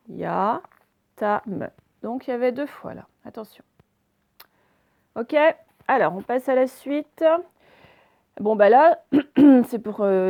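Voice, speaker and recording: A woman teacher giving a recorded phonics lesson for young children, saying words slowly and over-articulating them, with repetitions and fillers. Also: on the high side, mellow. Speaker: primary school teacher.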